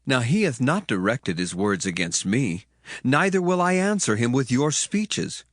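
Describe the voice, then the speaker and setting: Elihu, earnest young man with animated oratory. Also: mid-range voice, unhurried, dry recording, studio quality. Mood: earnest, indignant. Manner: oratorical, emphatic, archaic formal phrasing. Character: earnest young man Elihu, indignant biblical speaker rebuking his elders. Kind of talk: dramatized scripture reading, declamatory.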